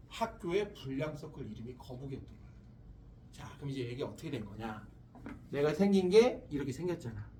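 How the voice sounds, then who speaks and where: A man's voice: fairly high pitch, distant mic, slight background noise. A man teaching a physics class, talking animatedly with crude slang and telling stories between the lessons. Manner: animated, crude slang, acts out quoted voices. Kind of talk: classroom lecture with storytelling.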